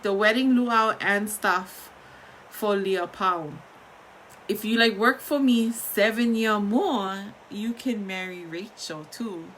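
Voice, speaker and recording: Unhurried Hawaiian Pidgin woman storyteller, noisy recording. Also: medium pitch, fairly bright tone. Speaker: storyteller reading scripture aloud. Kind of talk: informal read-aloud storytelling in Hawaiian Pidgin.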